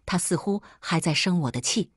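A woman telling a first-person story in calm, steady scripted narration. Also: fairly low pitch, normal speed, husky, no echo, studio quality.

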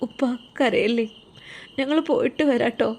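Gentle young wife, earnest and teary, lilt, played by a woman narrator. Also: on the high side, measured pace. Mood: earnest, tearful. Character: loving young daughter-in-law, gentle and emotional.

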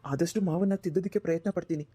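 A woman's voice: on the low side, racing, dark tone, breathy edge. A woman voicing a kind, respectful young son-in-law in a cartoon, talking earnestly and reassuringly. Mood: polite.

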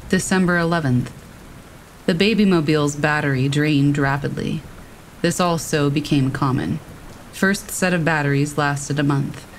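A narrator reading first-person horror stories aloud in a steady storytelling manner. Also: mid-range voice, slight background noise, rough recording.

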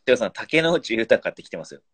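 A man's voice: mid-range voice, big pitch swings, quick pace, a bit bright, slightly rough. A man in his thirties hosting a casual live stream, reading out viewer comments and teasing his guest. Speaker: pro footballer, live-stream host.

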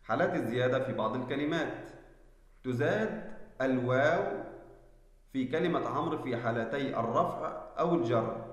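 A male teacher giving a spelling lesson, explaining slowly and deliberately and checking that students follow. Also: mid-range voice. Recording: echoey room with long reverb.

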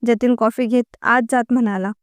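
A woman narrating a story in an even, unhurried reading voice. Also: fairly high pitch, clean tone, dry recording.

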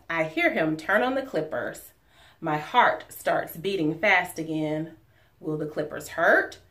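A woman in her forties, a teacher reading a children's storybook aloud at home in an expressive, animated way. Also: mid-range voice. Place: living room at home.

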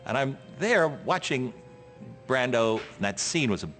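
A male journalist telling lively anecdotes in a documentary interview. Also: medium pitch, unhurried, soft background music. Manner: lively anecdotes with quoted voices.

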